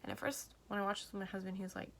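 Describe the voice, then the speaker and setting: A woman chatting casually through a film recap in a valley girl manner, with vocal fry and lots of "like" and acted-out quotes. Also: medium pitch, completely flat delivery, rapid-fire, fairly bright tone, faint music behind. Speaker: movie reviewer retelling a film.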